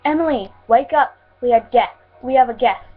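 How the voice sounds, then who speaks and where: A woman voicing a stern adult woman who is a mayor and mother, speaking in a brisk, commanding way. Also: fairly high pitch, faint music behind, natural voice. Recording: tinny phone-like sound.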